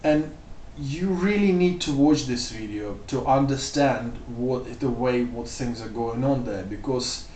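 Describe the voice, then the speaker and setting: A man giving casual spoken commentary, loose and rambling, padding his points with "like" and "you know". His voice sits at an ordinary middle pitch. The room rings around him and the mic sits some way off. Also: a little slow, a little mellow, a little hiss or hum. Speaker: vlogger. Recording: roomy sound, mic off at a distance.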